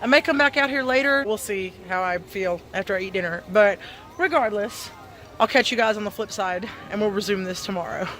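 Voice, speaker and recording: A man's voice: high-pitched, a little fast, a bit bright, soft background music. A man vlogging outdoors on a hot evening, recorded on a phone camera, chatty and wry, hot and sweaty. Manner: chatty, wry, self-deprecating. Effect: phone video recording. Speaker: vlogger decorating a yard for Halloween. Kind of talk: casual self-filmed vlog. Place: outdoors in a yard at dusk.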